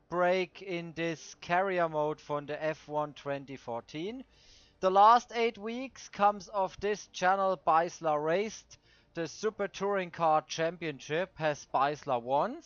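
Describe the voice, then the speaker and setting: High-voiced man with Swiss German accent, halting English. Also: fairly bright tone, smooth, no echo. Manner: halting, searching for words in non-native English. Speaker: host of a racing game video series. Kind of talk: casual gameplay commentary. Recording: dull lo-fi dry microphone.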